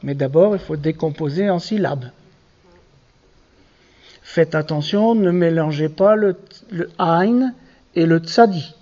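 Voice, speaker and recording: Slow, patient man teaching a class. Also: a little high, warm tone, muffled recording. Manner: slow, patient, spells out letters one by one. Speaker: Hebrew teacher. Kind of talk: classroom lesson on reading.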